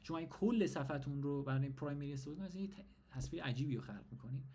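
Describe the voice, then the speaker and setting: A man's voice: on the high side, expressive, mellow, husky. A young man explaining a design topic in a casual tutorial, asking and answering his own questions. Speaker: design instructor. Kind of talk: screen-recorded tutorial.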